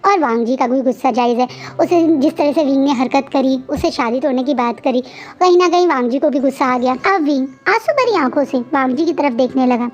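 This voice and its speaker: A woman's voice: high-pitched, animated, a little fast, highs cut off. A woman casually retelling a fan fiction story, chatty and restarting her sentences often. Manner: chatty, frequent restarts and fillers.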